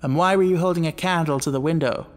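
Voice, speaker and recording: A man's voice: on the high side, quick pace, long reverb tail, close to an everyday voice. A man voicing a stern, commanding baronet in an audiobook mystery, blunt and indignant as he questions. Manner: blunt, demanding, forceful questioning.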